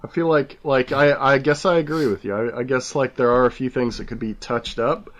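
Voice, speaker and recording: A man's voice: mid-range voice, steady tone, fairly quick, dull audio. Joking young man hosting a podcast. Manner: jokey, teasing. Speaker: podcast host. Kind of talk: casual gaming chat.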